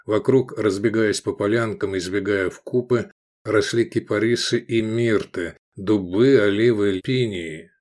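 Male audiobook narrator, fairly low voice, even measured reading. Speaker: audiobook reader. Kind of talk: scripted narration.

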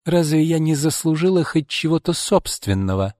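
A man putting on a shrill, spiteful older woman. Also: huge pitch swings, unhurried, no room sound, studio quality, big-room sound. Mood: resentful. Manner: high, strained, scolding delivery. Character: bitter resentful middle-aged woman, shrill and accusing.

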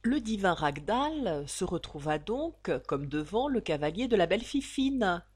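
A woman narrating a novel aloud as an audiobook, with an expressive, lively reading. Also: medium pitch, unhurried, slightly rough, no echo. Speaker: audiobook reader.

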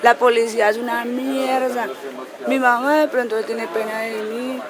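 Punk woman talking straight and cursing, outdoors with a loud crowd behind. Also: a little high, steady tone, measured pace. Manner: blunt, defiant, swears freely. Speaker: punk band member. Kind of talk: outspoken casual interview answers.

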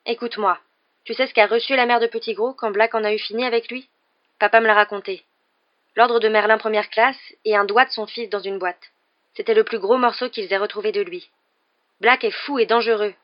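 A woman reading aloud, voicing a tense, nervous teenage boy who is quick to anger. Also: medium pitch, fairly even intonation, highs cut off, pitched above the performer's own voice, close to an everyday voice. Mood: angry. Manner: tense, loud.

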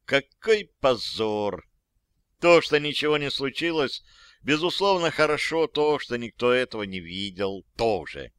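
A male narrator tells his story in the first person, wry and worn out. His voice is bright and smooth. The studio sound is dry. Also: mid-range voice, no room sound. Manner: wry, weary soldier's narration. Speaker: audiobook narrator.

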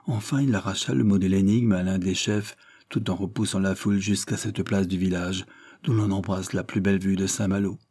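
A man narrating a historical adventure novel as an audiobook, measured and dramatic. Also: sits low, fairly even intonation, darkish tone. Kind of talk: scripted narration.

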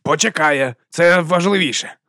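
A man's voice: a little high, moderate pace, voice pushed up. A man voicing a furious, bossy middle-aged department head who barks and sneers. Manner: barking, sneering, shouting.

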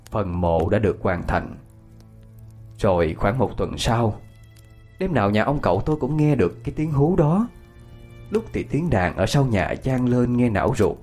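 A man narrates a horror story in a husky voice. His delivery is expressive and full of rise and fall, with soft music underneath. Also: medium pitch. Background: faint music.

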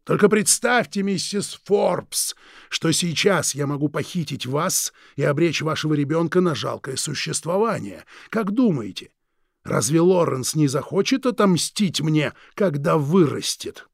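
Audiobook villain, male, slow and sneering , put on by a male reader; gravelly, raised pitch, dry close sound. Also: animated, dry recording, exaggerated voice. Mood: menacing. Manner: slow, drawn-out, sneering politeness. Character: sinister smooth-talking male villain, menacing, mocking. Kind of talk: audiobook reading.

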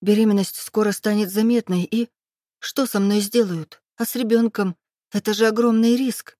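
Frightened young pregnant girl, tearful and defiant, dark-toned; woman narrator voicing her. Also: medium pitch, fairly even intonation, normal speed, no echo, studio quality, voice pushed up, natural voice. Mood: pleading, tearful. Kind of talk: audiobook dialogue reading.

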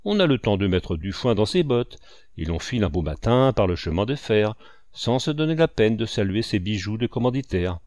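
A man's voice: lowish voice, sing-song, moderate pace, darkish tone, no echo, studio quality. A man voicing a cynical, greedy male swindler who talks in a brash, mocking way. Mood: careless.

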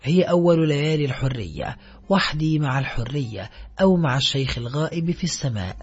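A man with a husky voice narrating a literary novel in a measured, even storytelling manner. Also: a little high. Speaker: audiobook narrator. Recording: slightly dull recording, faint music.

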